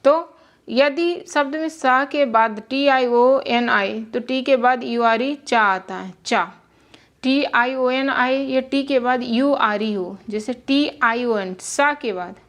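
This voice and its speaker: Young woman teaching pronunciation rules, kinda high-pitched, repeats stuff slowly. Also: a bit bright. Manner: patient, repeats words and spells letters aloud. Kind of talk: Hindi-language lesson explaining spelling rules.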